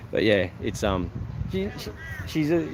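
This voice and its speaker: A man's voice: mid-range voice, background noise. A man with an Australian accent, live-streaming casual chat to viewers at an outdoor car show, rambling with lots of ums and restarts.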